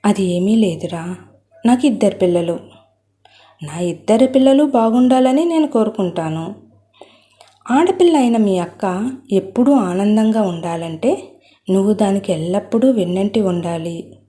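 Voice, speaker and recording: Brief: a woman voicing a bossy middle-aged mother, blunt and firm, warm mellow tone. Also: mid-range voice, animated, unhurried, long pauses, lightly acted. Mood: coaxing. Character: domineering middle-aged mother with a fierce temper.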